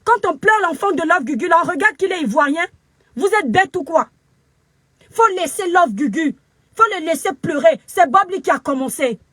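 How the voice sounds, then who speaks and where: Woman w cameroonian french accent, super high pitched, very upset, scolding into her phone, dry sound. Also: lively intonation, normal speed, fairly bright tone, no echo. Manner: scolding, preachy, emphatic repetition. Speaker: social media commentator. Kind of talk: angry live video rant.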